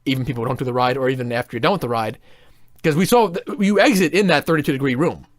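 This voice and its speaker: A man's voice: mid-range voice, rapid-fire, no echo, studio quality. A man in casual podcast chat, reviewing theme parks in a blunt, opinionated way and swearing freely.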